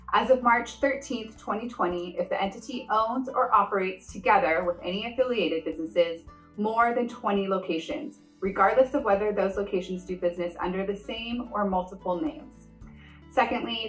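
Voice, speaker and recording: A middle-aged woman gives a scripted business explainer to camera, clear and measured as she works through a numbered list. She is recorded in an office with a roomy sound, sitting a little back from the mic. Faint music plays underneath. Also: medium pitch, a bit bright, distant mic. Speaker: company executive presenting a business update. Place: indoor office with a wood counter.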